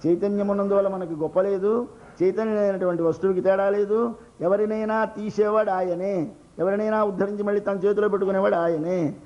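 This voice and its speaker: A man's voice: sits high, fairly even intonation, brisk, dull audio. An older man with a Telugu accent delivering a devotional sermon, explaining by asking and answering his own questions and acting out little everyday scenes. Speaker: religious discourse speaker.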